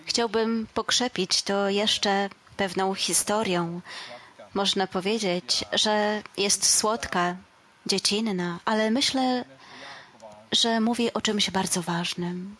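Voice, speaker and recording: Slow, earnest woman preaching. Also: medium pitch, fairly even intonation, a bit bright. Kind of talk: sermon with a told story.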